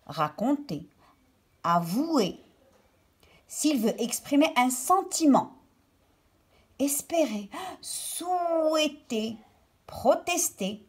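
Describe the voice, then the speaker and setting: A woman teacher with a high, lively voice gives a lesson for young children. She goes slowly, one phrase at a time as if dictating, and leans on the key words so they stand out. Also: breathy edge. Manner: didactic, phrase-by-phrase delivery as if dictating. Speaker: primary school teacher.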